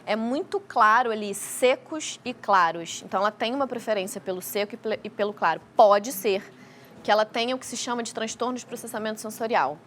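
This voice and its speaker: The speaker's voice is a little high, a little fast, and somewhat bright, with slight background noise. She is a guest child feeding specialist on a talk show, explaining things in the Carioca Brazilian Portuguese accent of her native Rio de Janeiro, Brazil.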